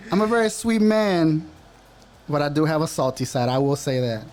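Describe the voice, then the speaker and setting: A man's voice: a little high, animated, moderate pace, darkish tone, slight background noise. A man from El Salvador in his thirties co-hosting a casual sports podcast, chatty and teasing. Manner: laid-back, chatty, teasing. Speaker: podcast co-host.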